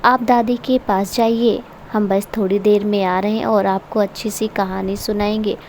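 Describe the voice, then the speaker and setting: A woman voicing an angry young husband who is also a protective uncle, read in a stern, forceful way. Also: mid-range voice, little pitch movement, moderate pace, a little hiss or hum, natural voice. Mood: tender.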